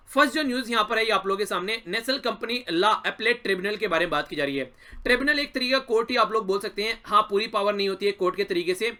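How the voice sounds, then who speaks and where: Fast, bright-voiced male current affairs teacher. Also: high voice. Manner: chatty, encouraging, addresses viewers directly. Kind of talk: exam-prep news lesson.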